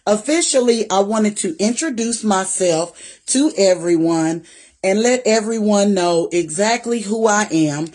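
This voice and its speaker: A woman's voice: mid-range voice, animated, unhurried. A woman, chatting on a live stream and greeting viewers by name. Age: 40s. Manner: warm, greets viewers by name, Southern "y'all" talk. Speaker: vlogger hosting a live stream. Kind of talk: casual live-stream chat.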